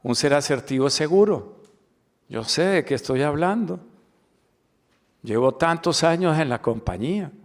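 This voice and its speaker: A man's voice: fairly high pitch, expressive, a little slow, long pauses. A man from the Dominican Republic giving a corporate training webinar, emphatic and fond of rhetorical questions and repeated key words. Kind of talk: webinar lecture.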